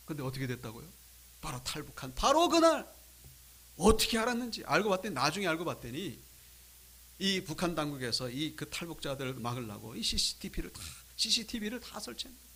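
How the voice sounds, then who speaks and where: A male pastor preaching a Sunday sermon, telling a story dramatically and swinging between loud outbursts and hushed moments. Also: a little high, very animated, fairly quick, husky. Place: church sanctuary.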